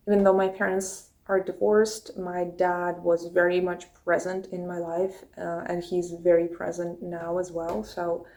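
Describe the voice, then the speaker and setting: This clip has rough recording quality and features a woman with a fairly low, darkish voice. She's a young YouTuber from Russia, a native Russian speaker with a Russian accent, answering viewers' questions from her notes in a relaxed get-to-know-me chat aimed at her phone camera.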